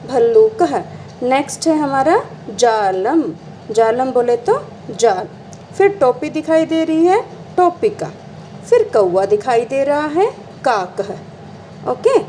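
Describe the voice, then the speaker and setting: A female teacher explains a lesson step by step, asking her students questions and answering them herself. Her voice sits a little high yet sounds soft and mellow. A faint hiss runs under the close recording. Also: rough recording. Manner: patient, calls students beta, asks and answers her own questions. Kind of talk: classroom lesson explaining exercises.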